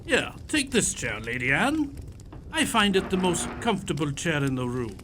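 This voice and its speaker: A man's voice: on the high side, very animated, normal speed, noisy background. A man playing a loyal, affable doctor in audio theatre, genial and a little hesitant, with old-fashioned turns of speech. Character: loyal, affable, easily amazed doctor Watson.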